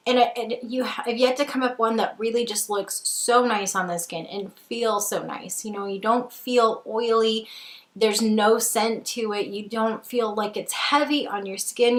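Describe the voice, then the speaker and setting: A woman in her twenties, a beauty vlogger, chats casually through a makeup review in a medium-pitched, bright, forceful voice. She sounds enthusiastic but a little sniffly from a cold, uses lots of ums, and the room is echoey.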